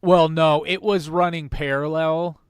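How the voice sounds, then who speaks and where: A man's voice: on the high side, steady tone, measured pace, clear, resonant tone, dry recording, studio quality. A man chatting casually as a podcast co-host, laid-back, slangy and often hedging. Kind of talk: casual chat.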